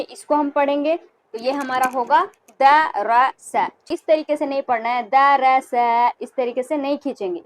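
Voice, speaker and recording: A high-pitched woman teaches Quran reading to her students in a recorded lesson. She is patient and repetitive, checking in often and drawing out sounds slowly to demonstrate them before speeding on. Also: rough recording. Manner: patient, repeats and checks with "ठीक है". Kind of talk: recorded lesson on Arabic letter pronunciation.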